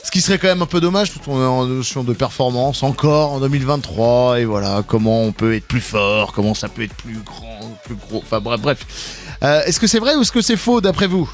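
A man's voice: mid-range voice, lively intonation, brisk, soft background music. A man in his thirties hosts a morning radio show in a studio, leading the segments with chatty, playful asides. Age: 30s. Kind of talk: casual radio banter. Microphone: studio microphone.

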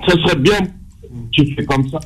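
An excitable man from Algeria calls in to a radio show, joking freely in loose grammar. His voice sits a little high for a man. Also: normal speed, rough recording. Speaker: caller. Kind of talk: call-in chat.

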